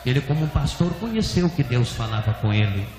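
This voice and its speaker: Dramatic Brazilian pastor in an echoey hall. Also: male voice, medium pitch, sing-song, fairly quick. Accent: Brazilian Portuguese. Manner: dramatic, rising to shouts. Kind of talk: sermon storytelling. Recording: echoey hall with long reverb.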